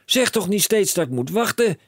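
A man doing a shrill, frantic storybook dad. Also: big pitch swings, moderate pace, no echo, studio quality. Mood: overexcited. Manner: shouting, breathless overexcited rants. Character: excitable bellowing middle-aged father, inventor-mad. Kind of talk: audiobook character voice.

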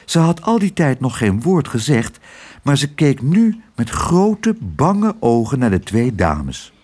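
A man narrating a children's audiobook in an expressive storytelling manner. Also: medium pitch, slow.

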